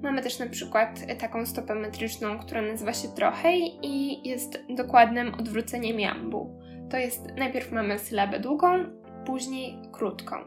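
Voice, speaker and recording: High-voiced woman lecturing over music. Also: moderate pace. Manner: explanatory, steady, with filler "e" hesitations. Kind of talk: spoken lecture. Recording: music playing clearly behind.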